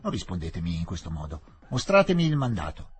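A man voicing a calm Englishman who takes charge, firm and reassuring. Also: low-pitched, fast talker, husky, pitched below the performer's own voice, full character voice.

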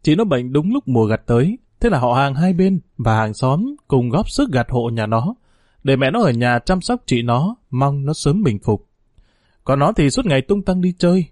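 A man narrates a short story in a steady, mournful tone at a mid-range pitch. The recording is dry and close with no room sound. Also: no room sound.

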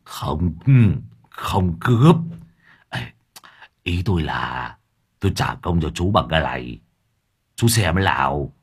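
A man voicing a scruffy, broke middle-aged male vagrant who stammers and pleads in a hushed tone. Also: a bass voice, sing-song, slow pace, long pauses, husky, voice pushed down, exaggerated voice. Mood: sheepish pleading.

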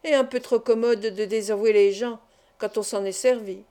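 A man's voice: high-pitched, fairly even intonation, normal speed, dark tone, clear, resonant tone, natural voice. A woman reading as an ironic impudent gambler. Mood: coaxing. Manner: ironic, coolly confident. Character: impudent ironic male gambler, middle-aged.

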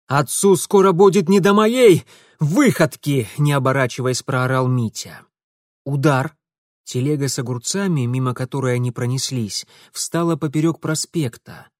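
A man reading an adventure story aloud as an audiobook narrator, with an expressive delivery. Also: mid-range voice, no echo, studio quality.

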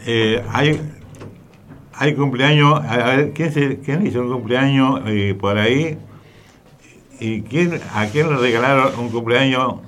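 A man's voice: medium pitch, a little slow, fairly bright tone, a little hiss or hum. A man with an Argentine accent co-hosting a radio show, telling rambling colloquial stories. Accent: Argentine Spanish. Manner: rambling, colloquial, says "¿viste?". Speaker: radio co-host. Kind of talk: casual radio chat.

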